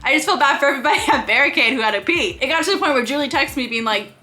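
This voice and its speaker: A young adult woman telling an animated storytime to her viewers, chatty and full of laughs. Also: sits high. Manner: animated, fast-talking storyteller with lots of "like" and laughs. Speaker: YouTuber. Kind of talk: storytime vlog.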